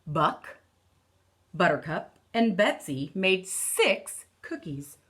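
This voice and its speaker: A thirty-something teacher reads a picture book aloud to children at home in a fairly low, sing-song voice. She explains each part deliberately and gives key words extra emphasis.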